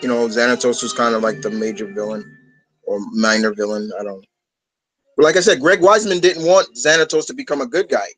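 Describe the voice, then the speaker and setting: A man's voice: medium pitch, a little fast, a bit bright, faint music behind, rough recording. A man from New York hosting a fan discussion, chatting casually in a rambling, enthusiastic way. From New York, United States. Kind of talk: casual chat.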